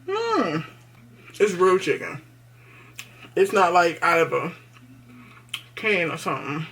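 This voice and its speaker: A woman's voice: lowish voice, unhurried, vocal fry, a bit bright, a little hiss or hum. Chatty woman vlogging while eating. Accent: Baltimore. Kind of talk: casual vlog chat.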